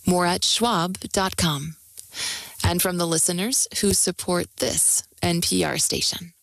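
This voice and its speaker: A woman reading sponsor announcements for a radio station in a smooth, even announcer cadence. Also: on the low side, a little slow, no room sound. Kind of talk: scripted sponsor reads.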